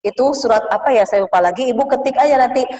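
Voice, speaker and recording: A woman religious teacher giving a sermon to a women's study circle, often calling her listeners "Bu" and dropping into hushed prayers. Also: fairly high pitch, fast, lo-fi sound. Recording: echoey hall, voice from far off.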